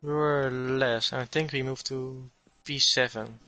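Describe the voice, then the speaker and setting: Bright-voiced man giving short answers. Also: medium pitch, fairly even intonation, measured pace. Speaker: guest driver. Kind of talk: casual interview answers.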